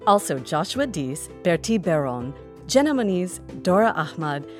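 A woman's voice: lowish voice, big pitch swings, moderate pace, a little mellow, soft background music. A woman co-hosting a scripted podcast conversation, talking in a thoughtful, emphatic way. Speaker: podcast co-host. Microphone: studio microphone.

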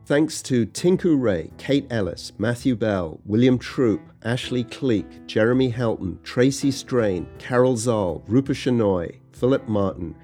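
A man co-hosting a scripted podcast conversation in a relaxed, reflective way. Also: mid-range voice, measured pace, hardly any pauses, faint music behind. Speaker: podcast co-host. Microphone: studio microphone.

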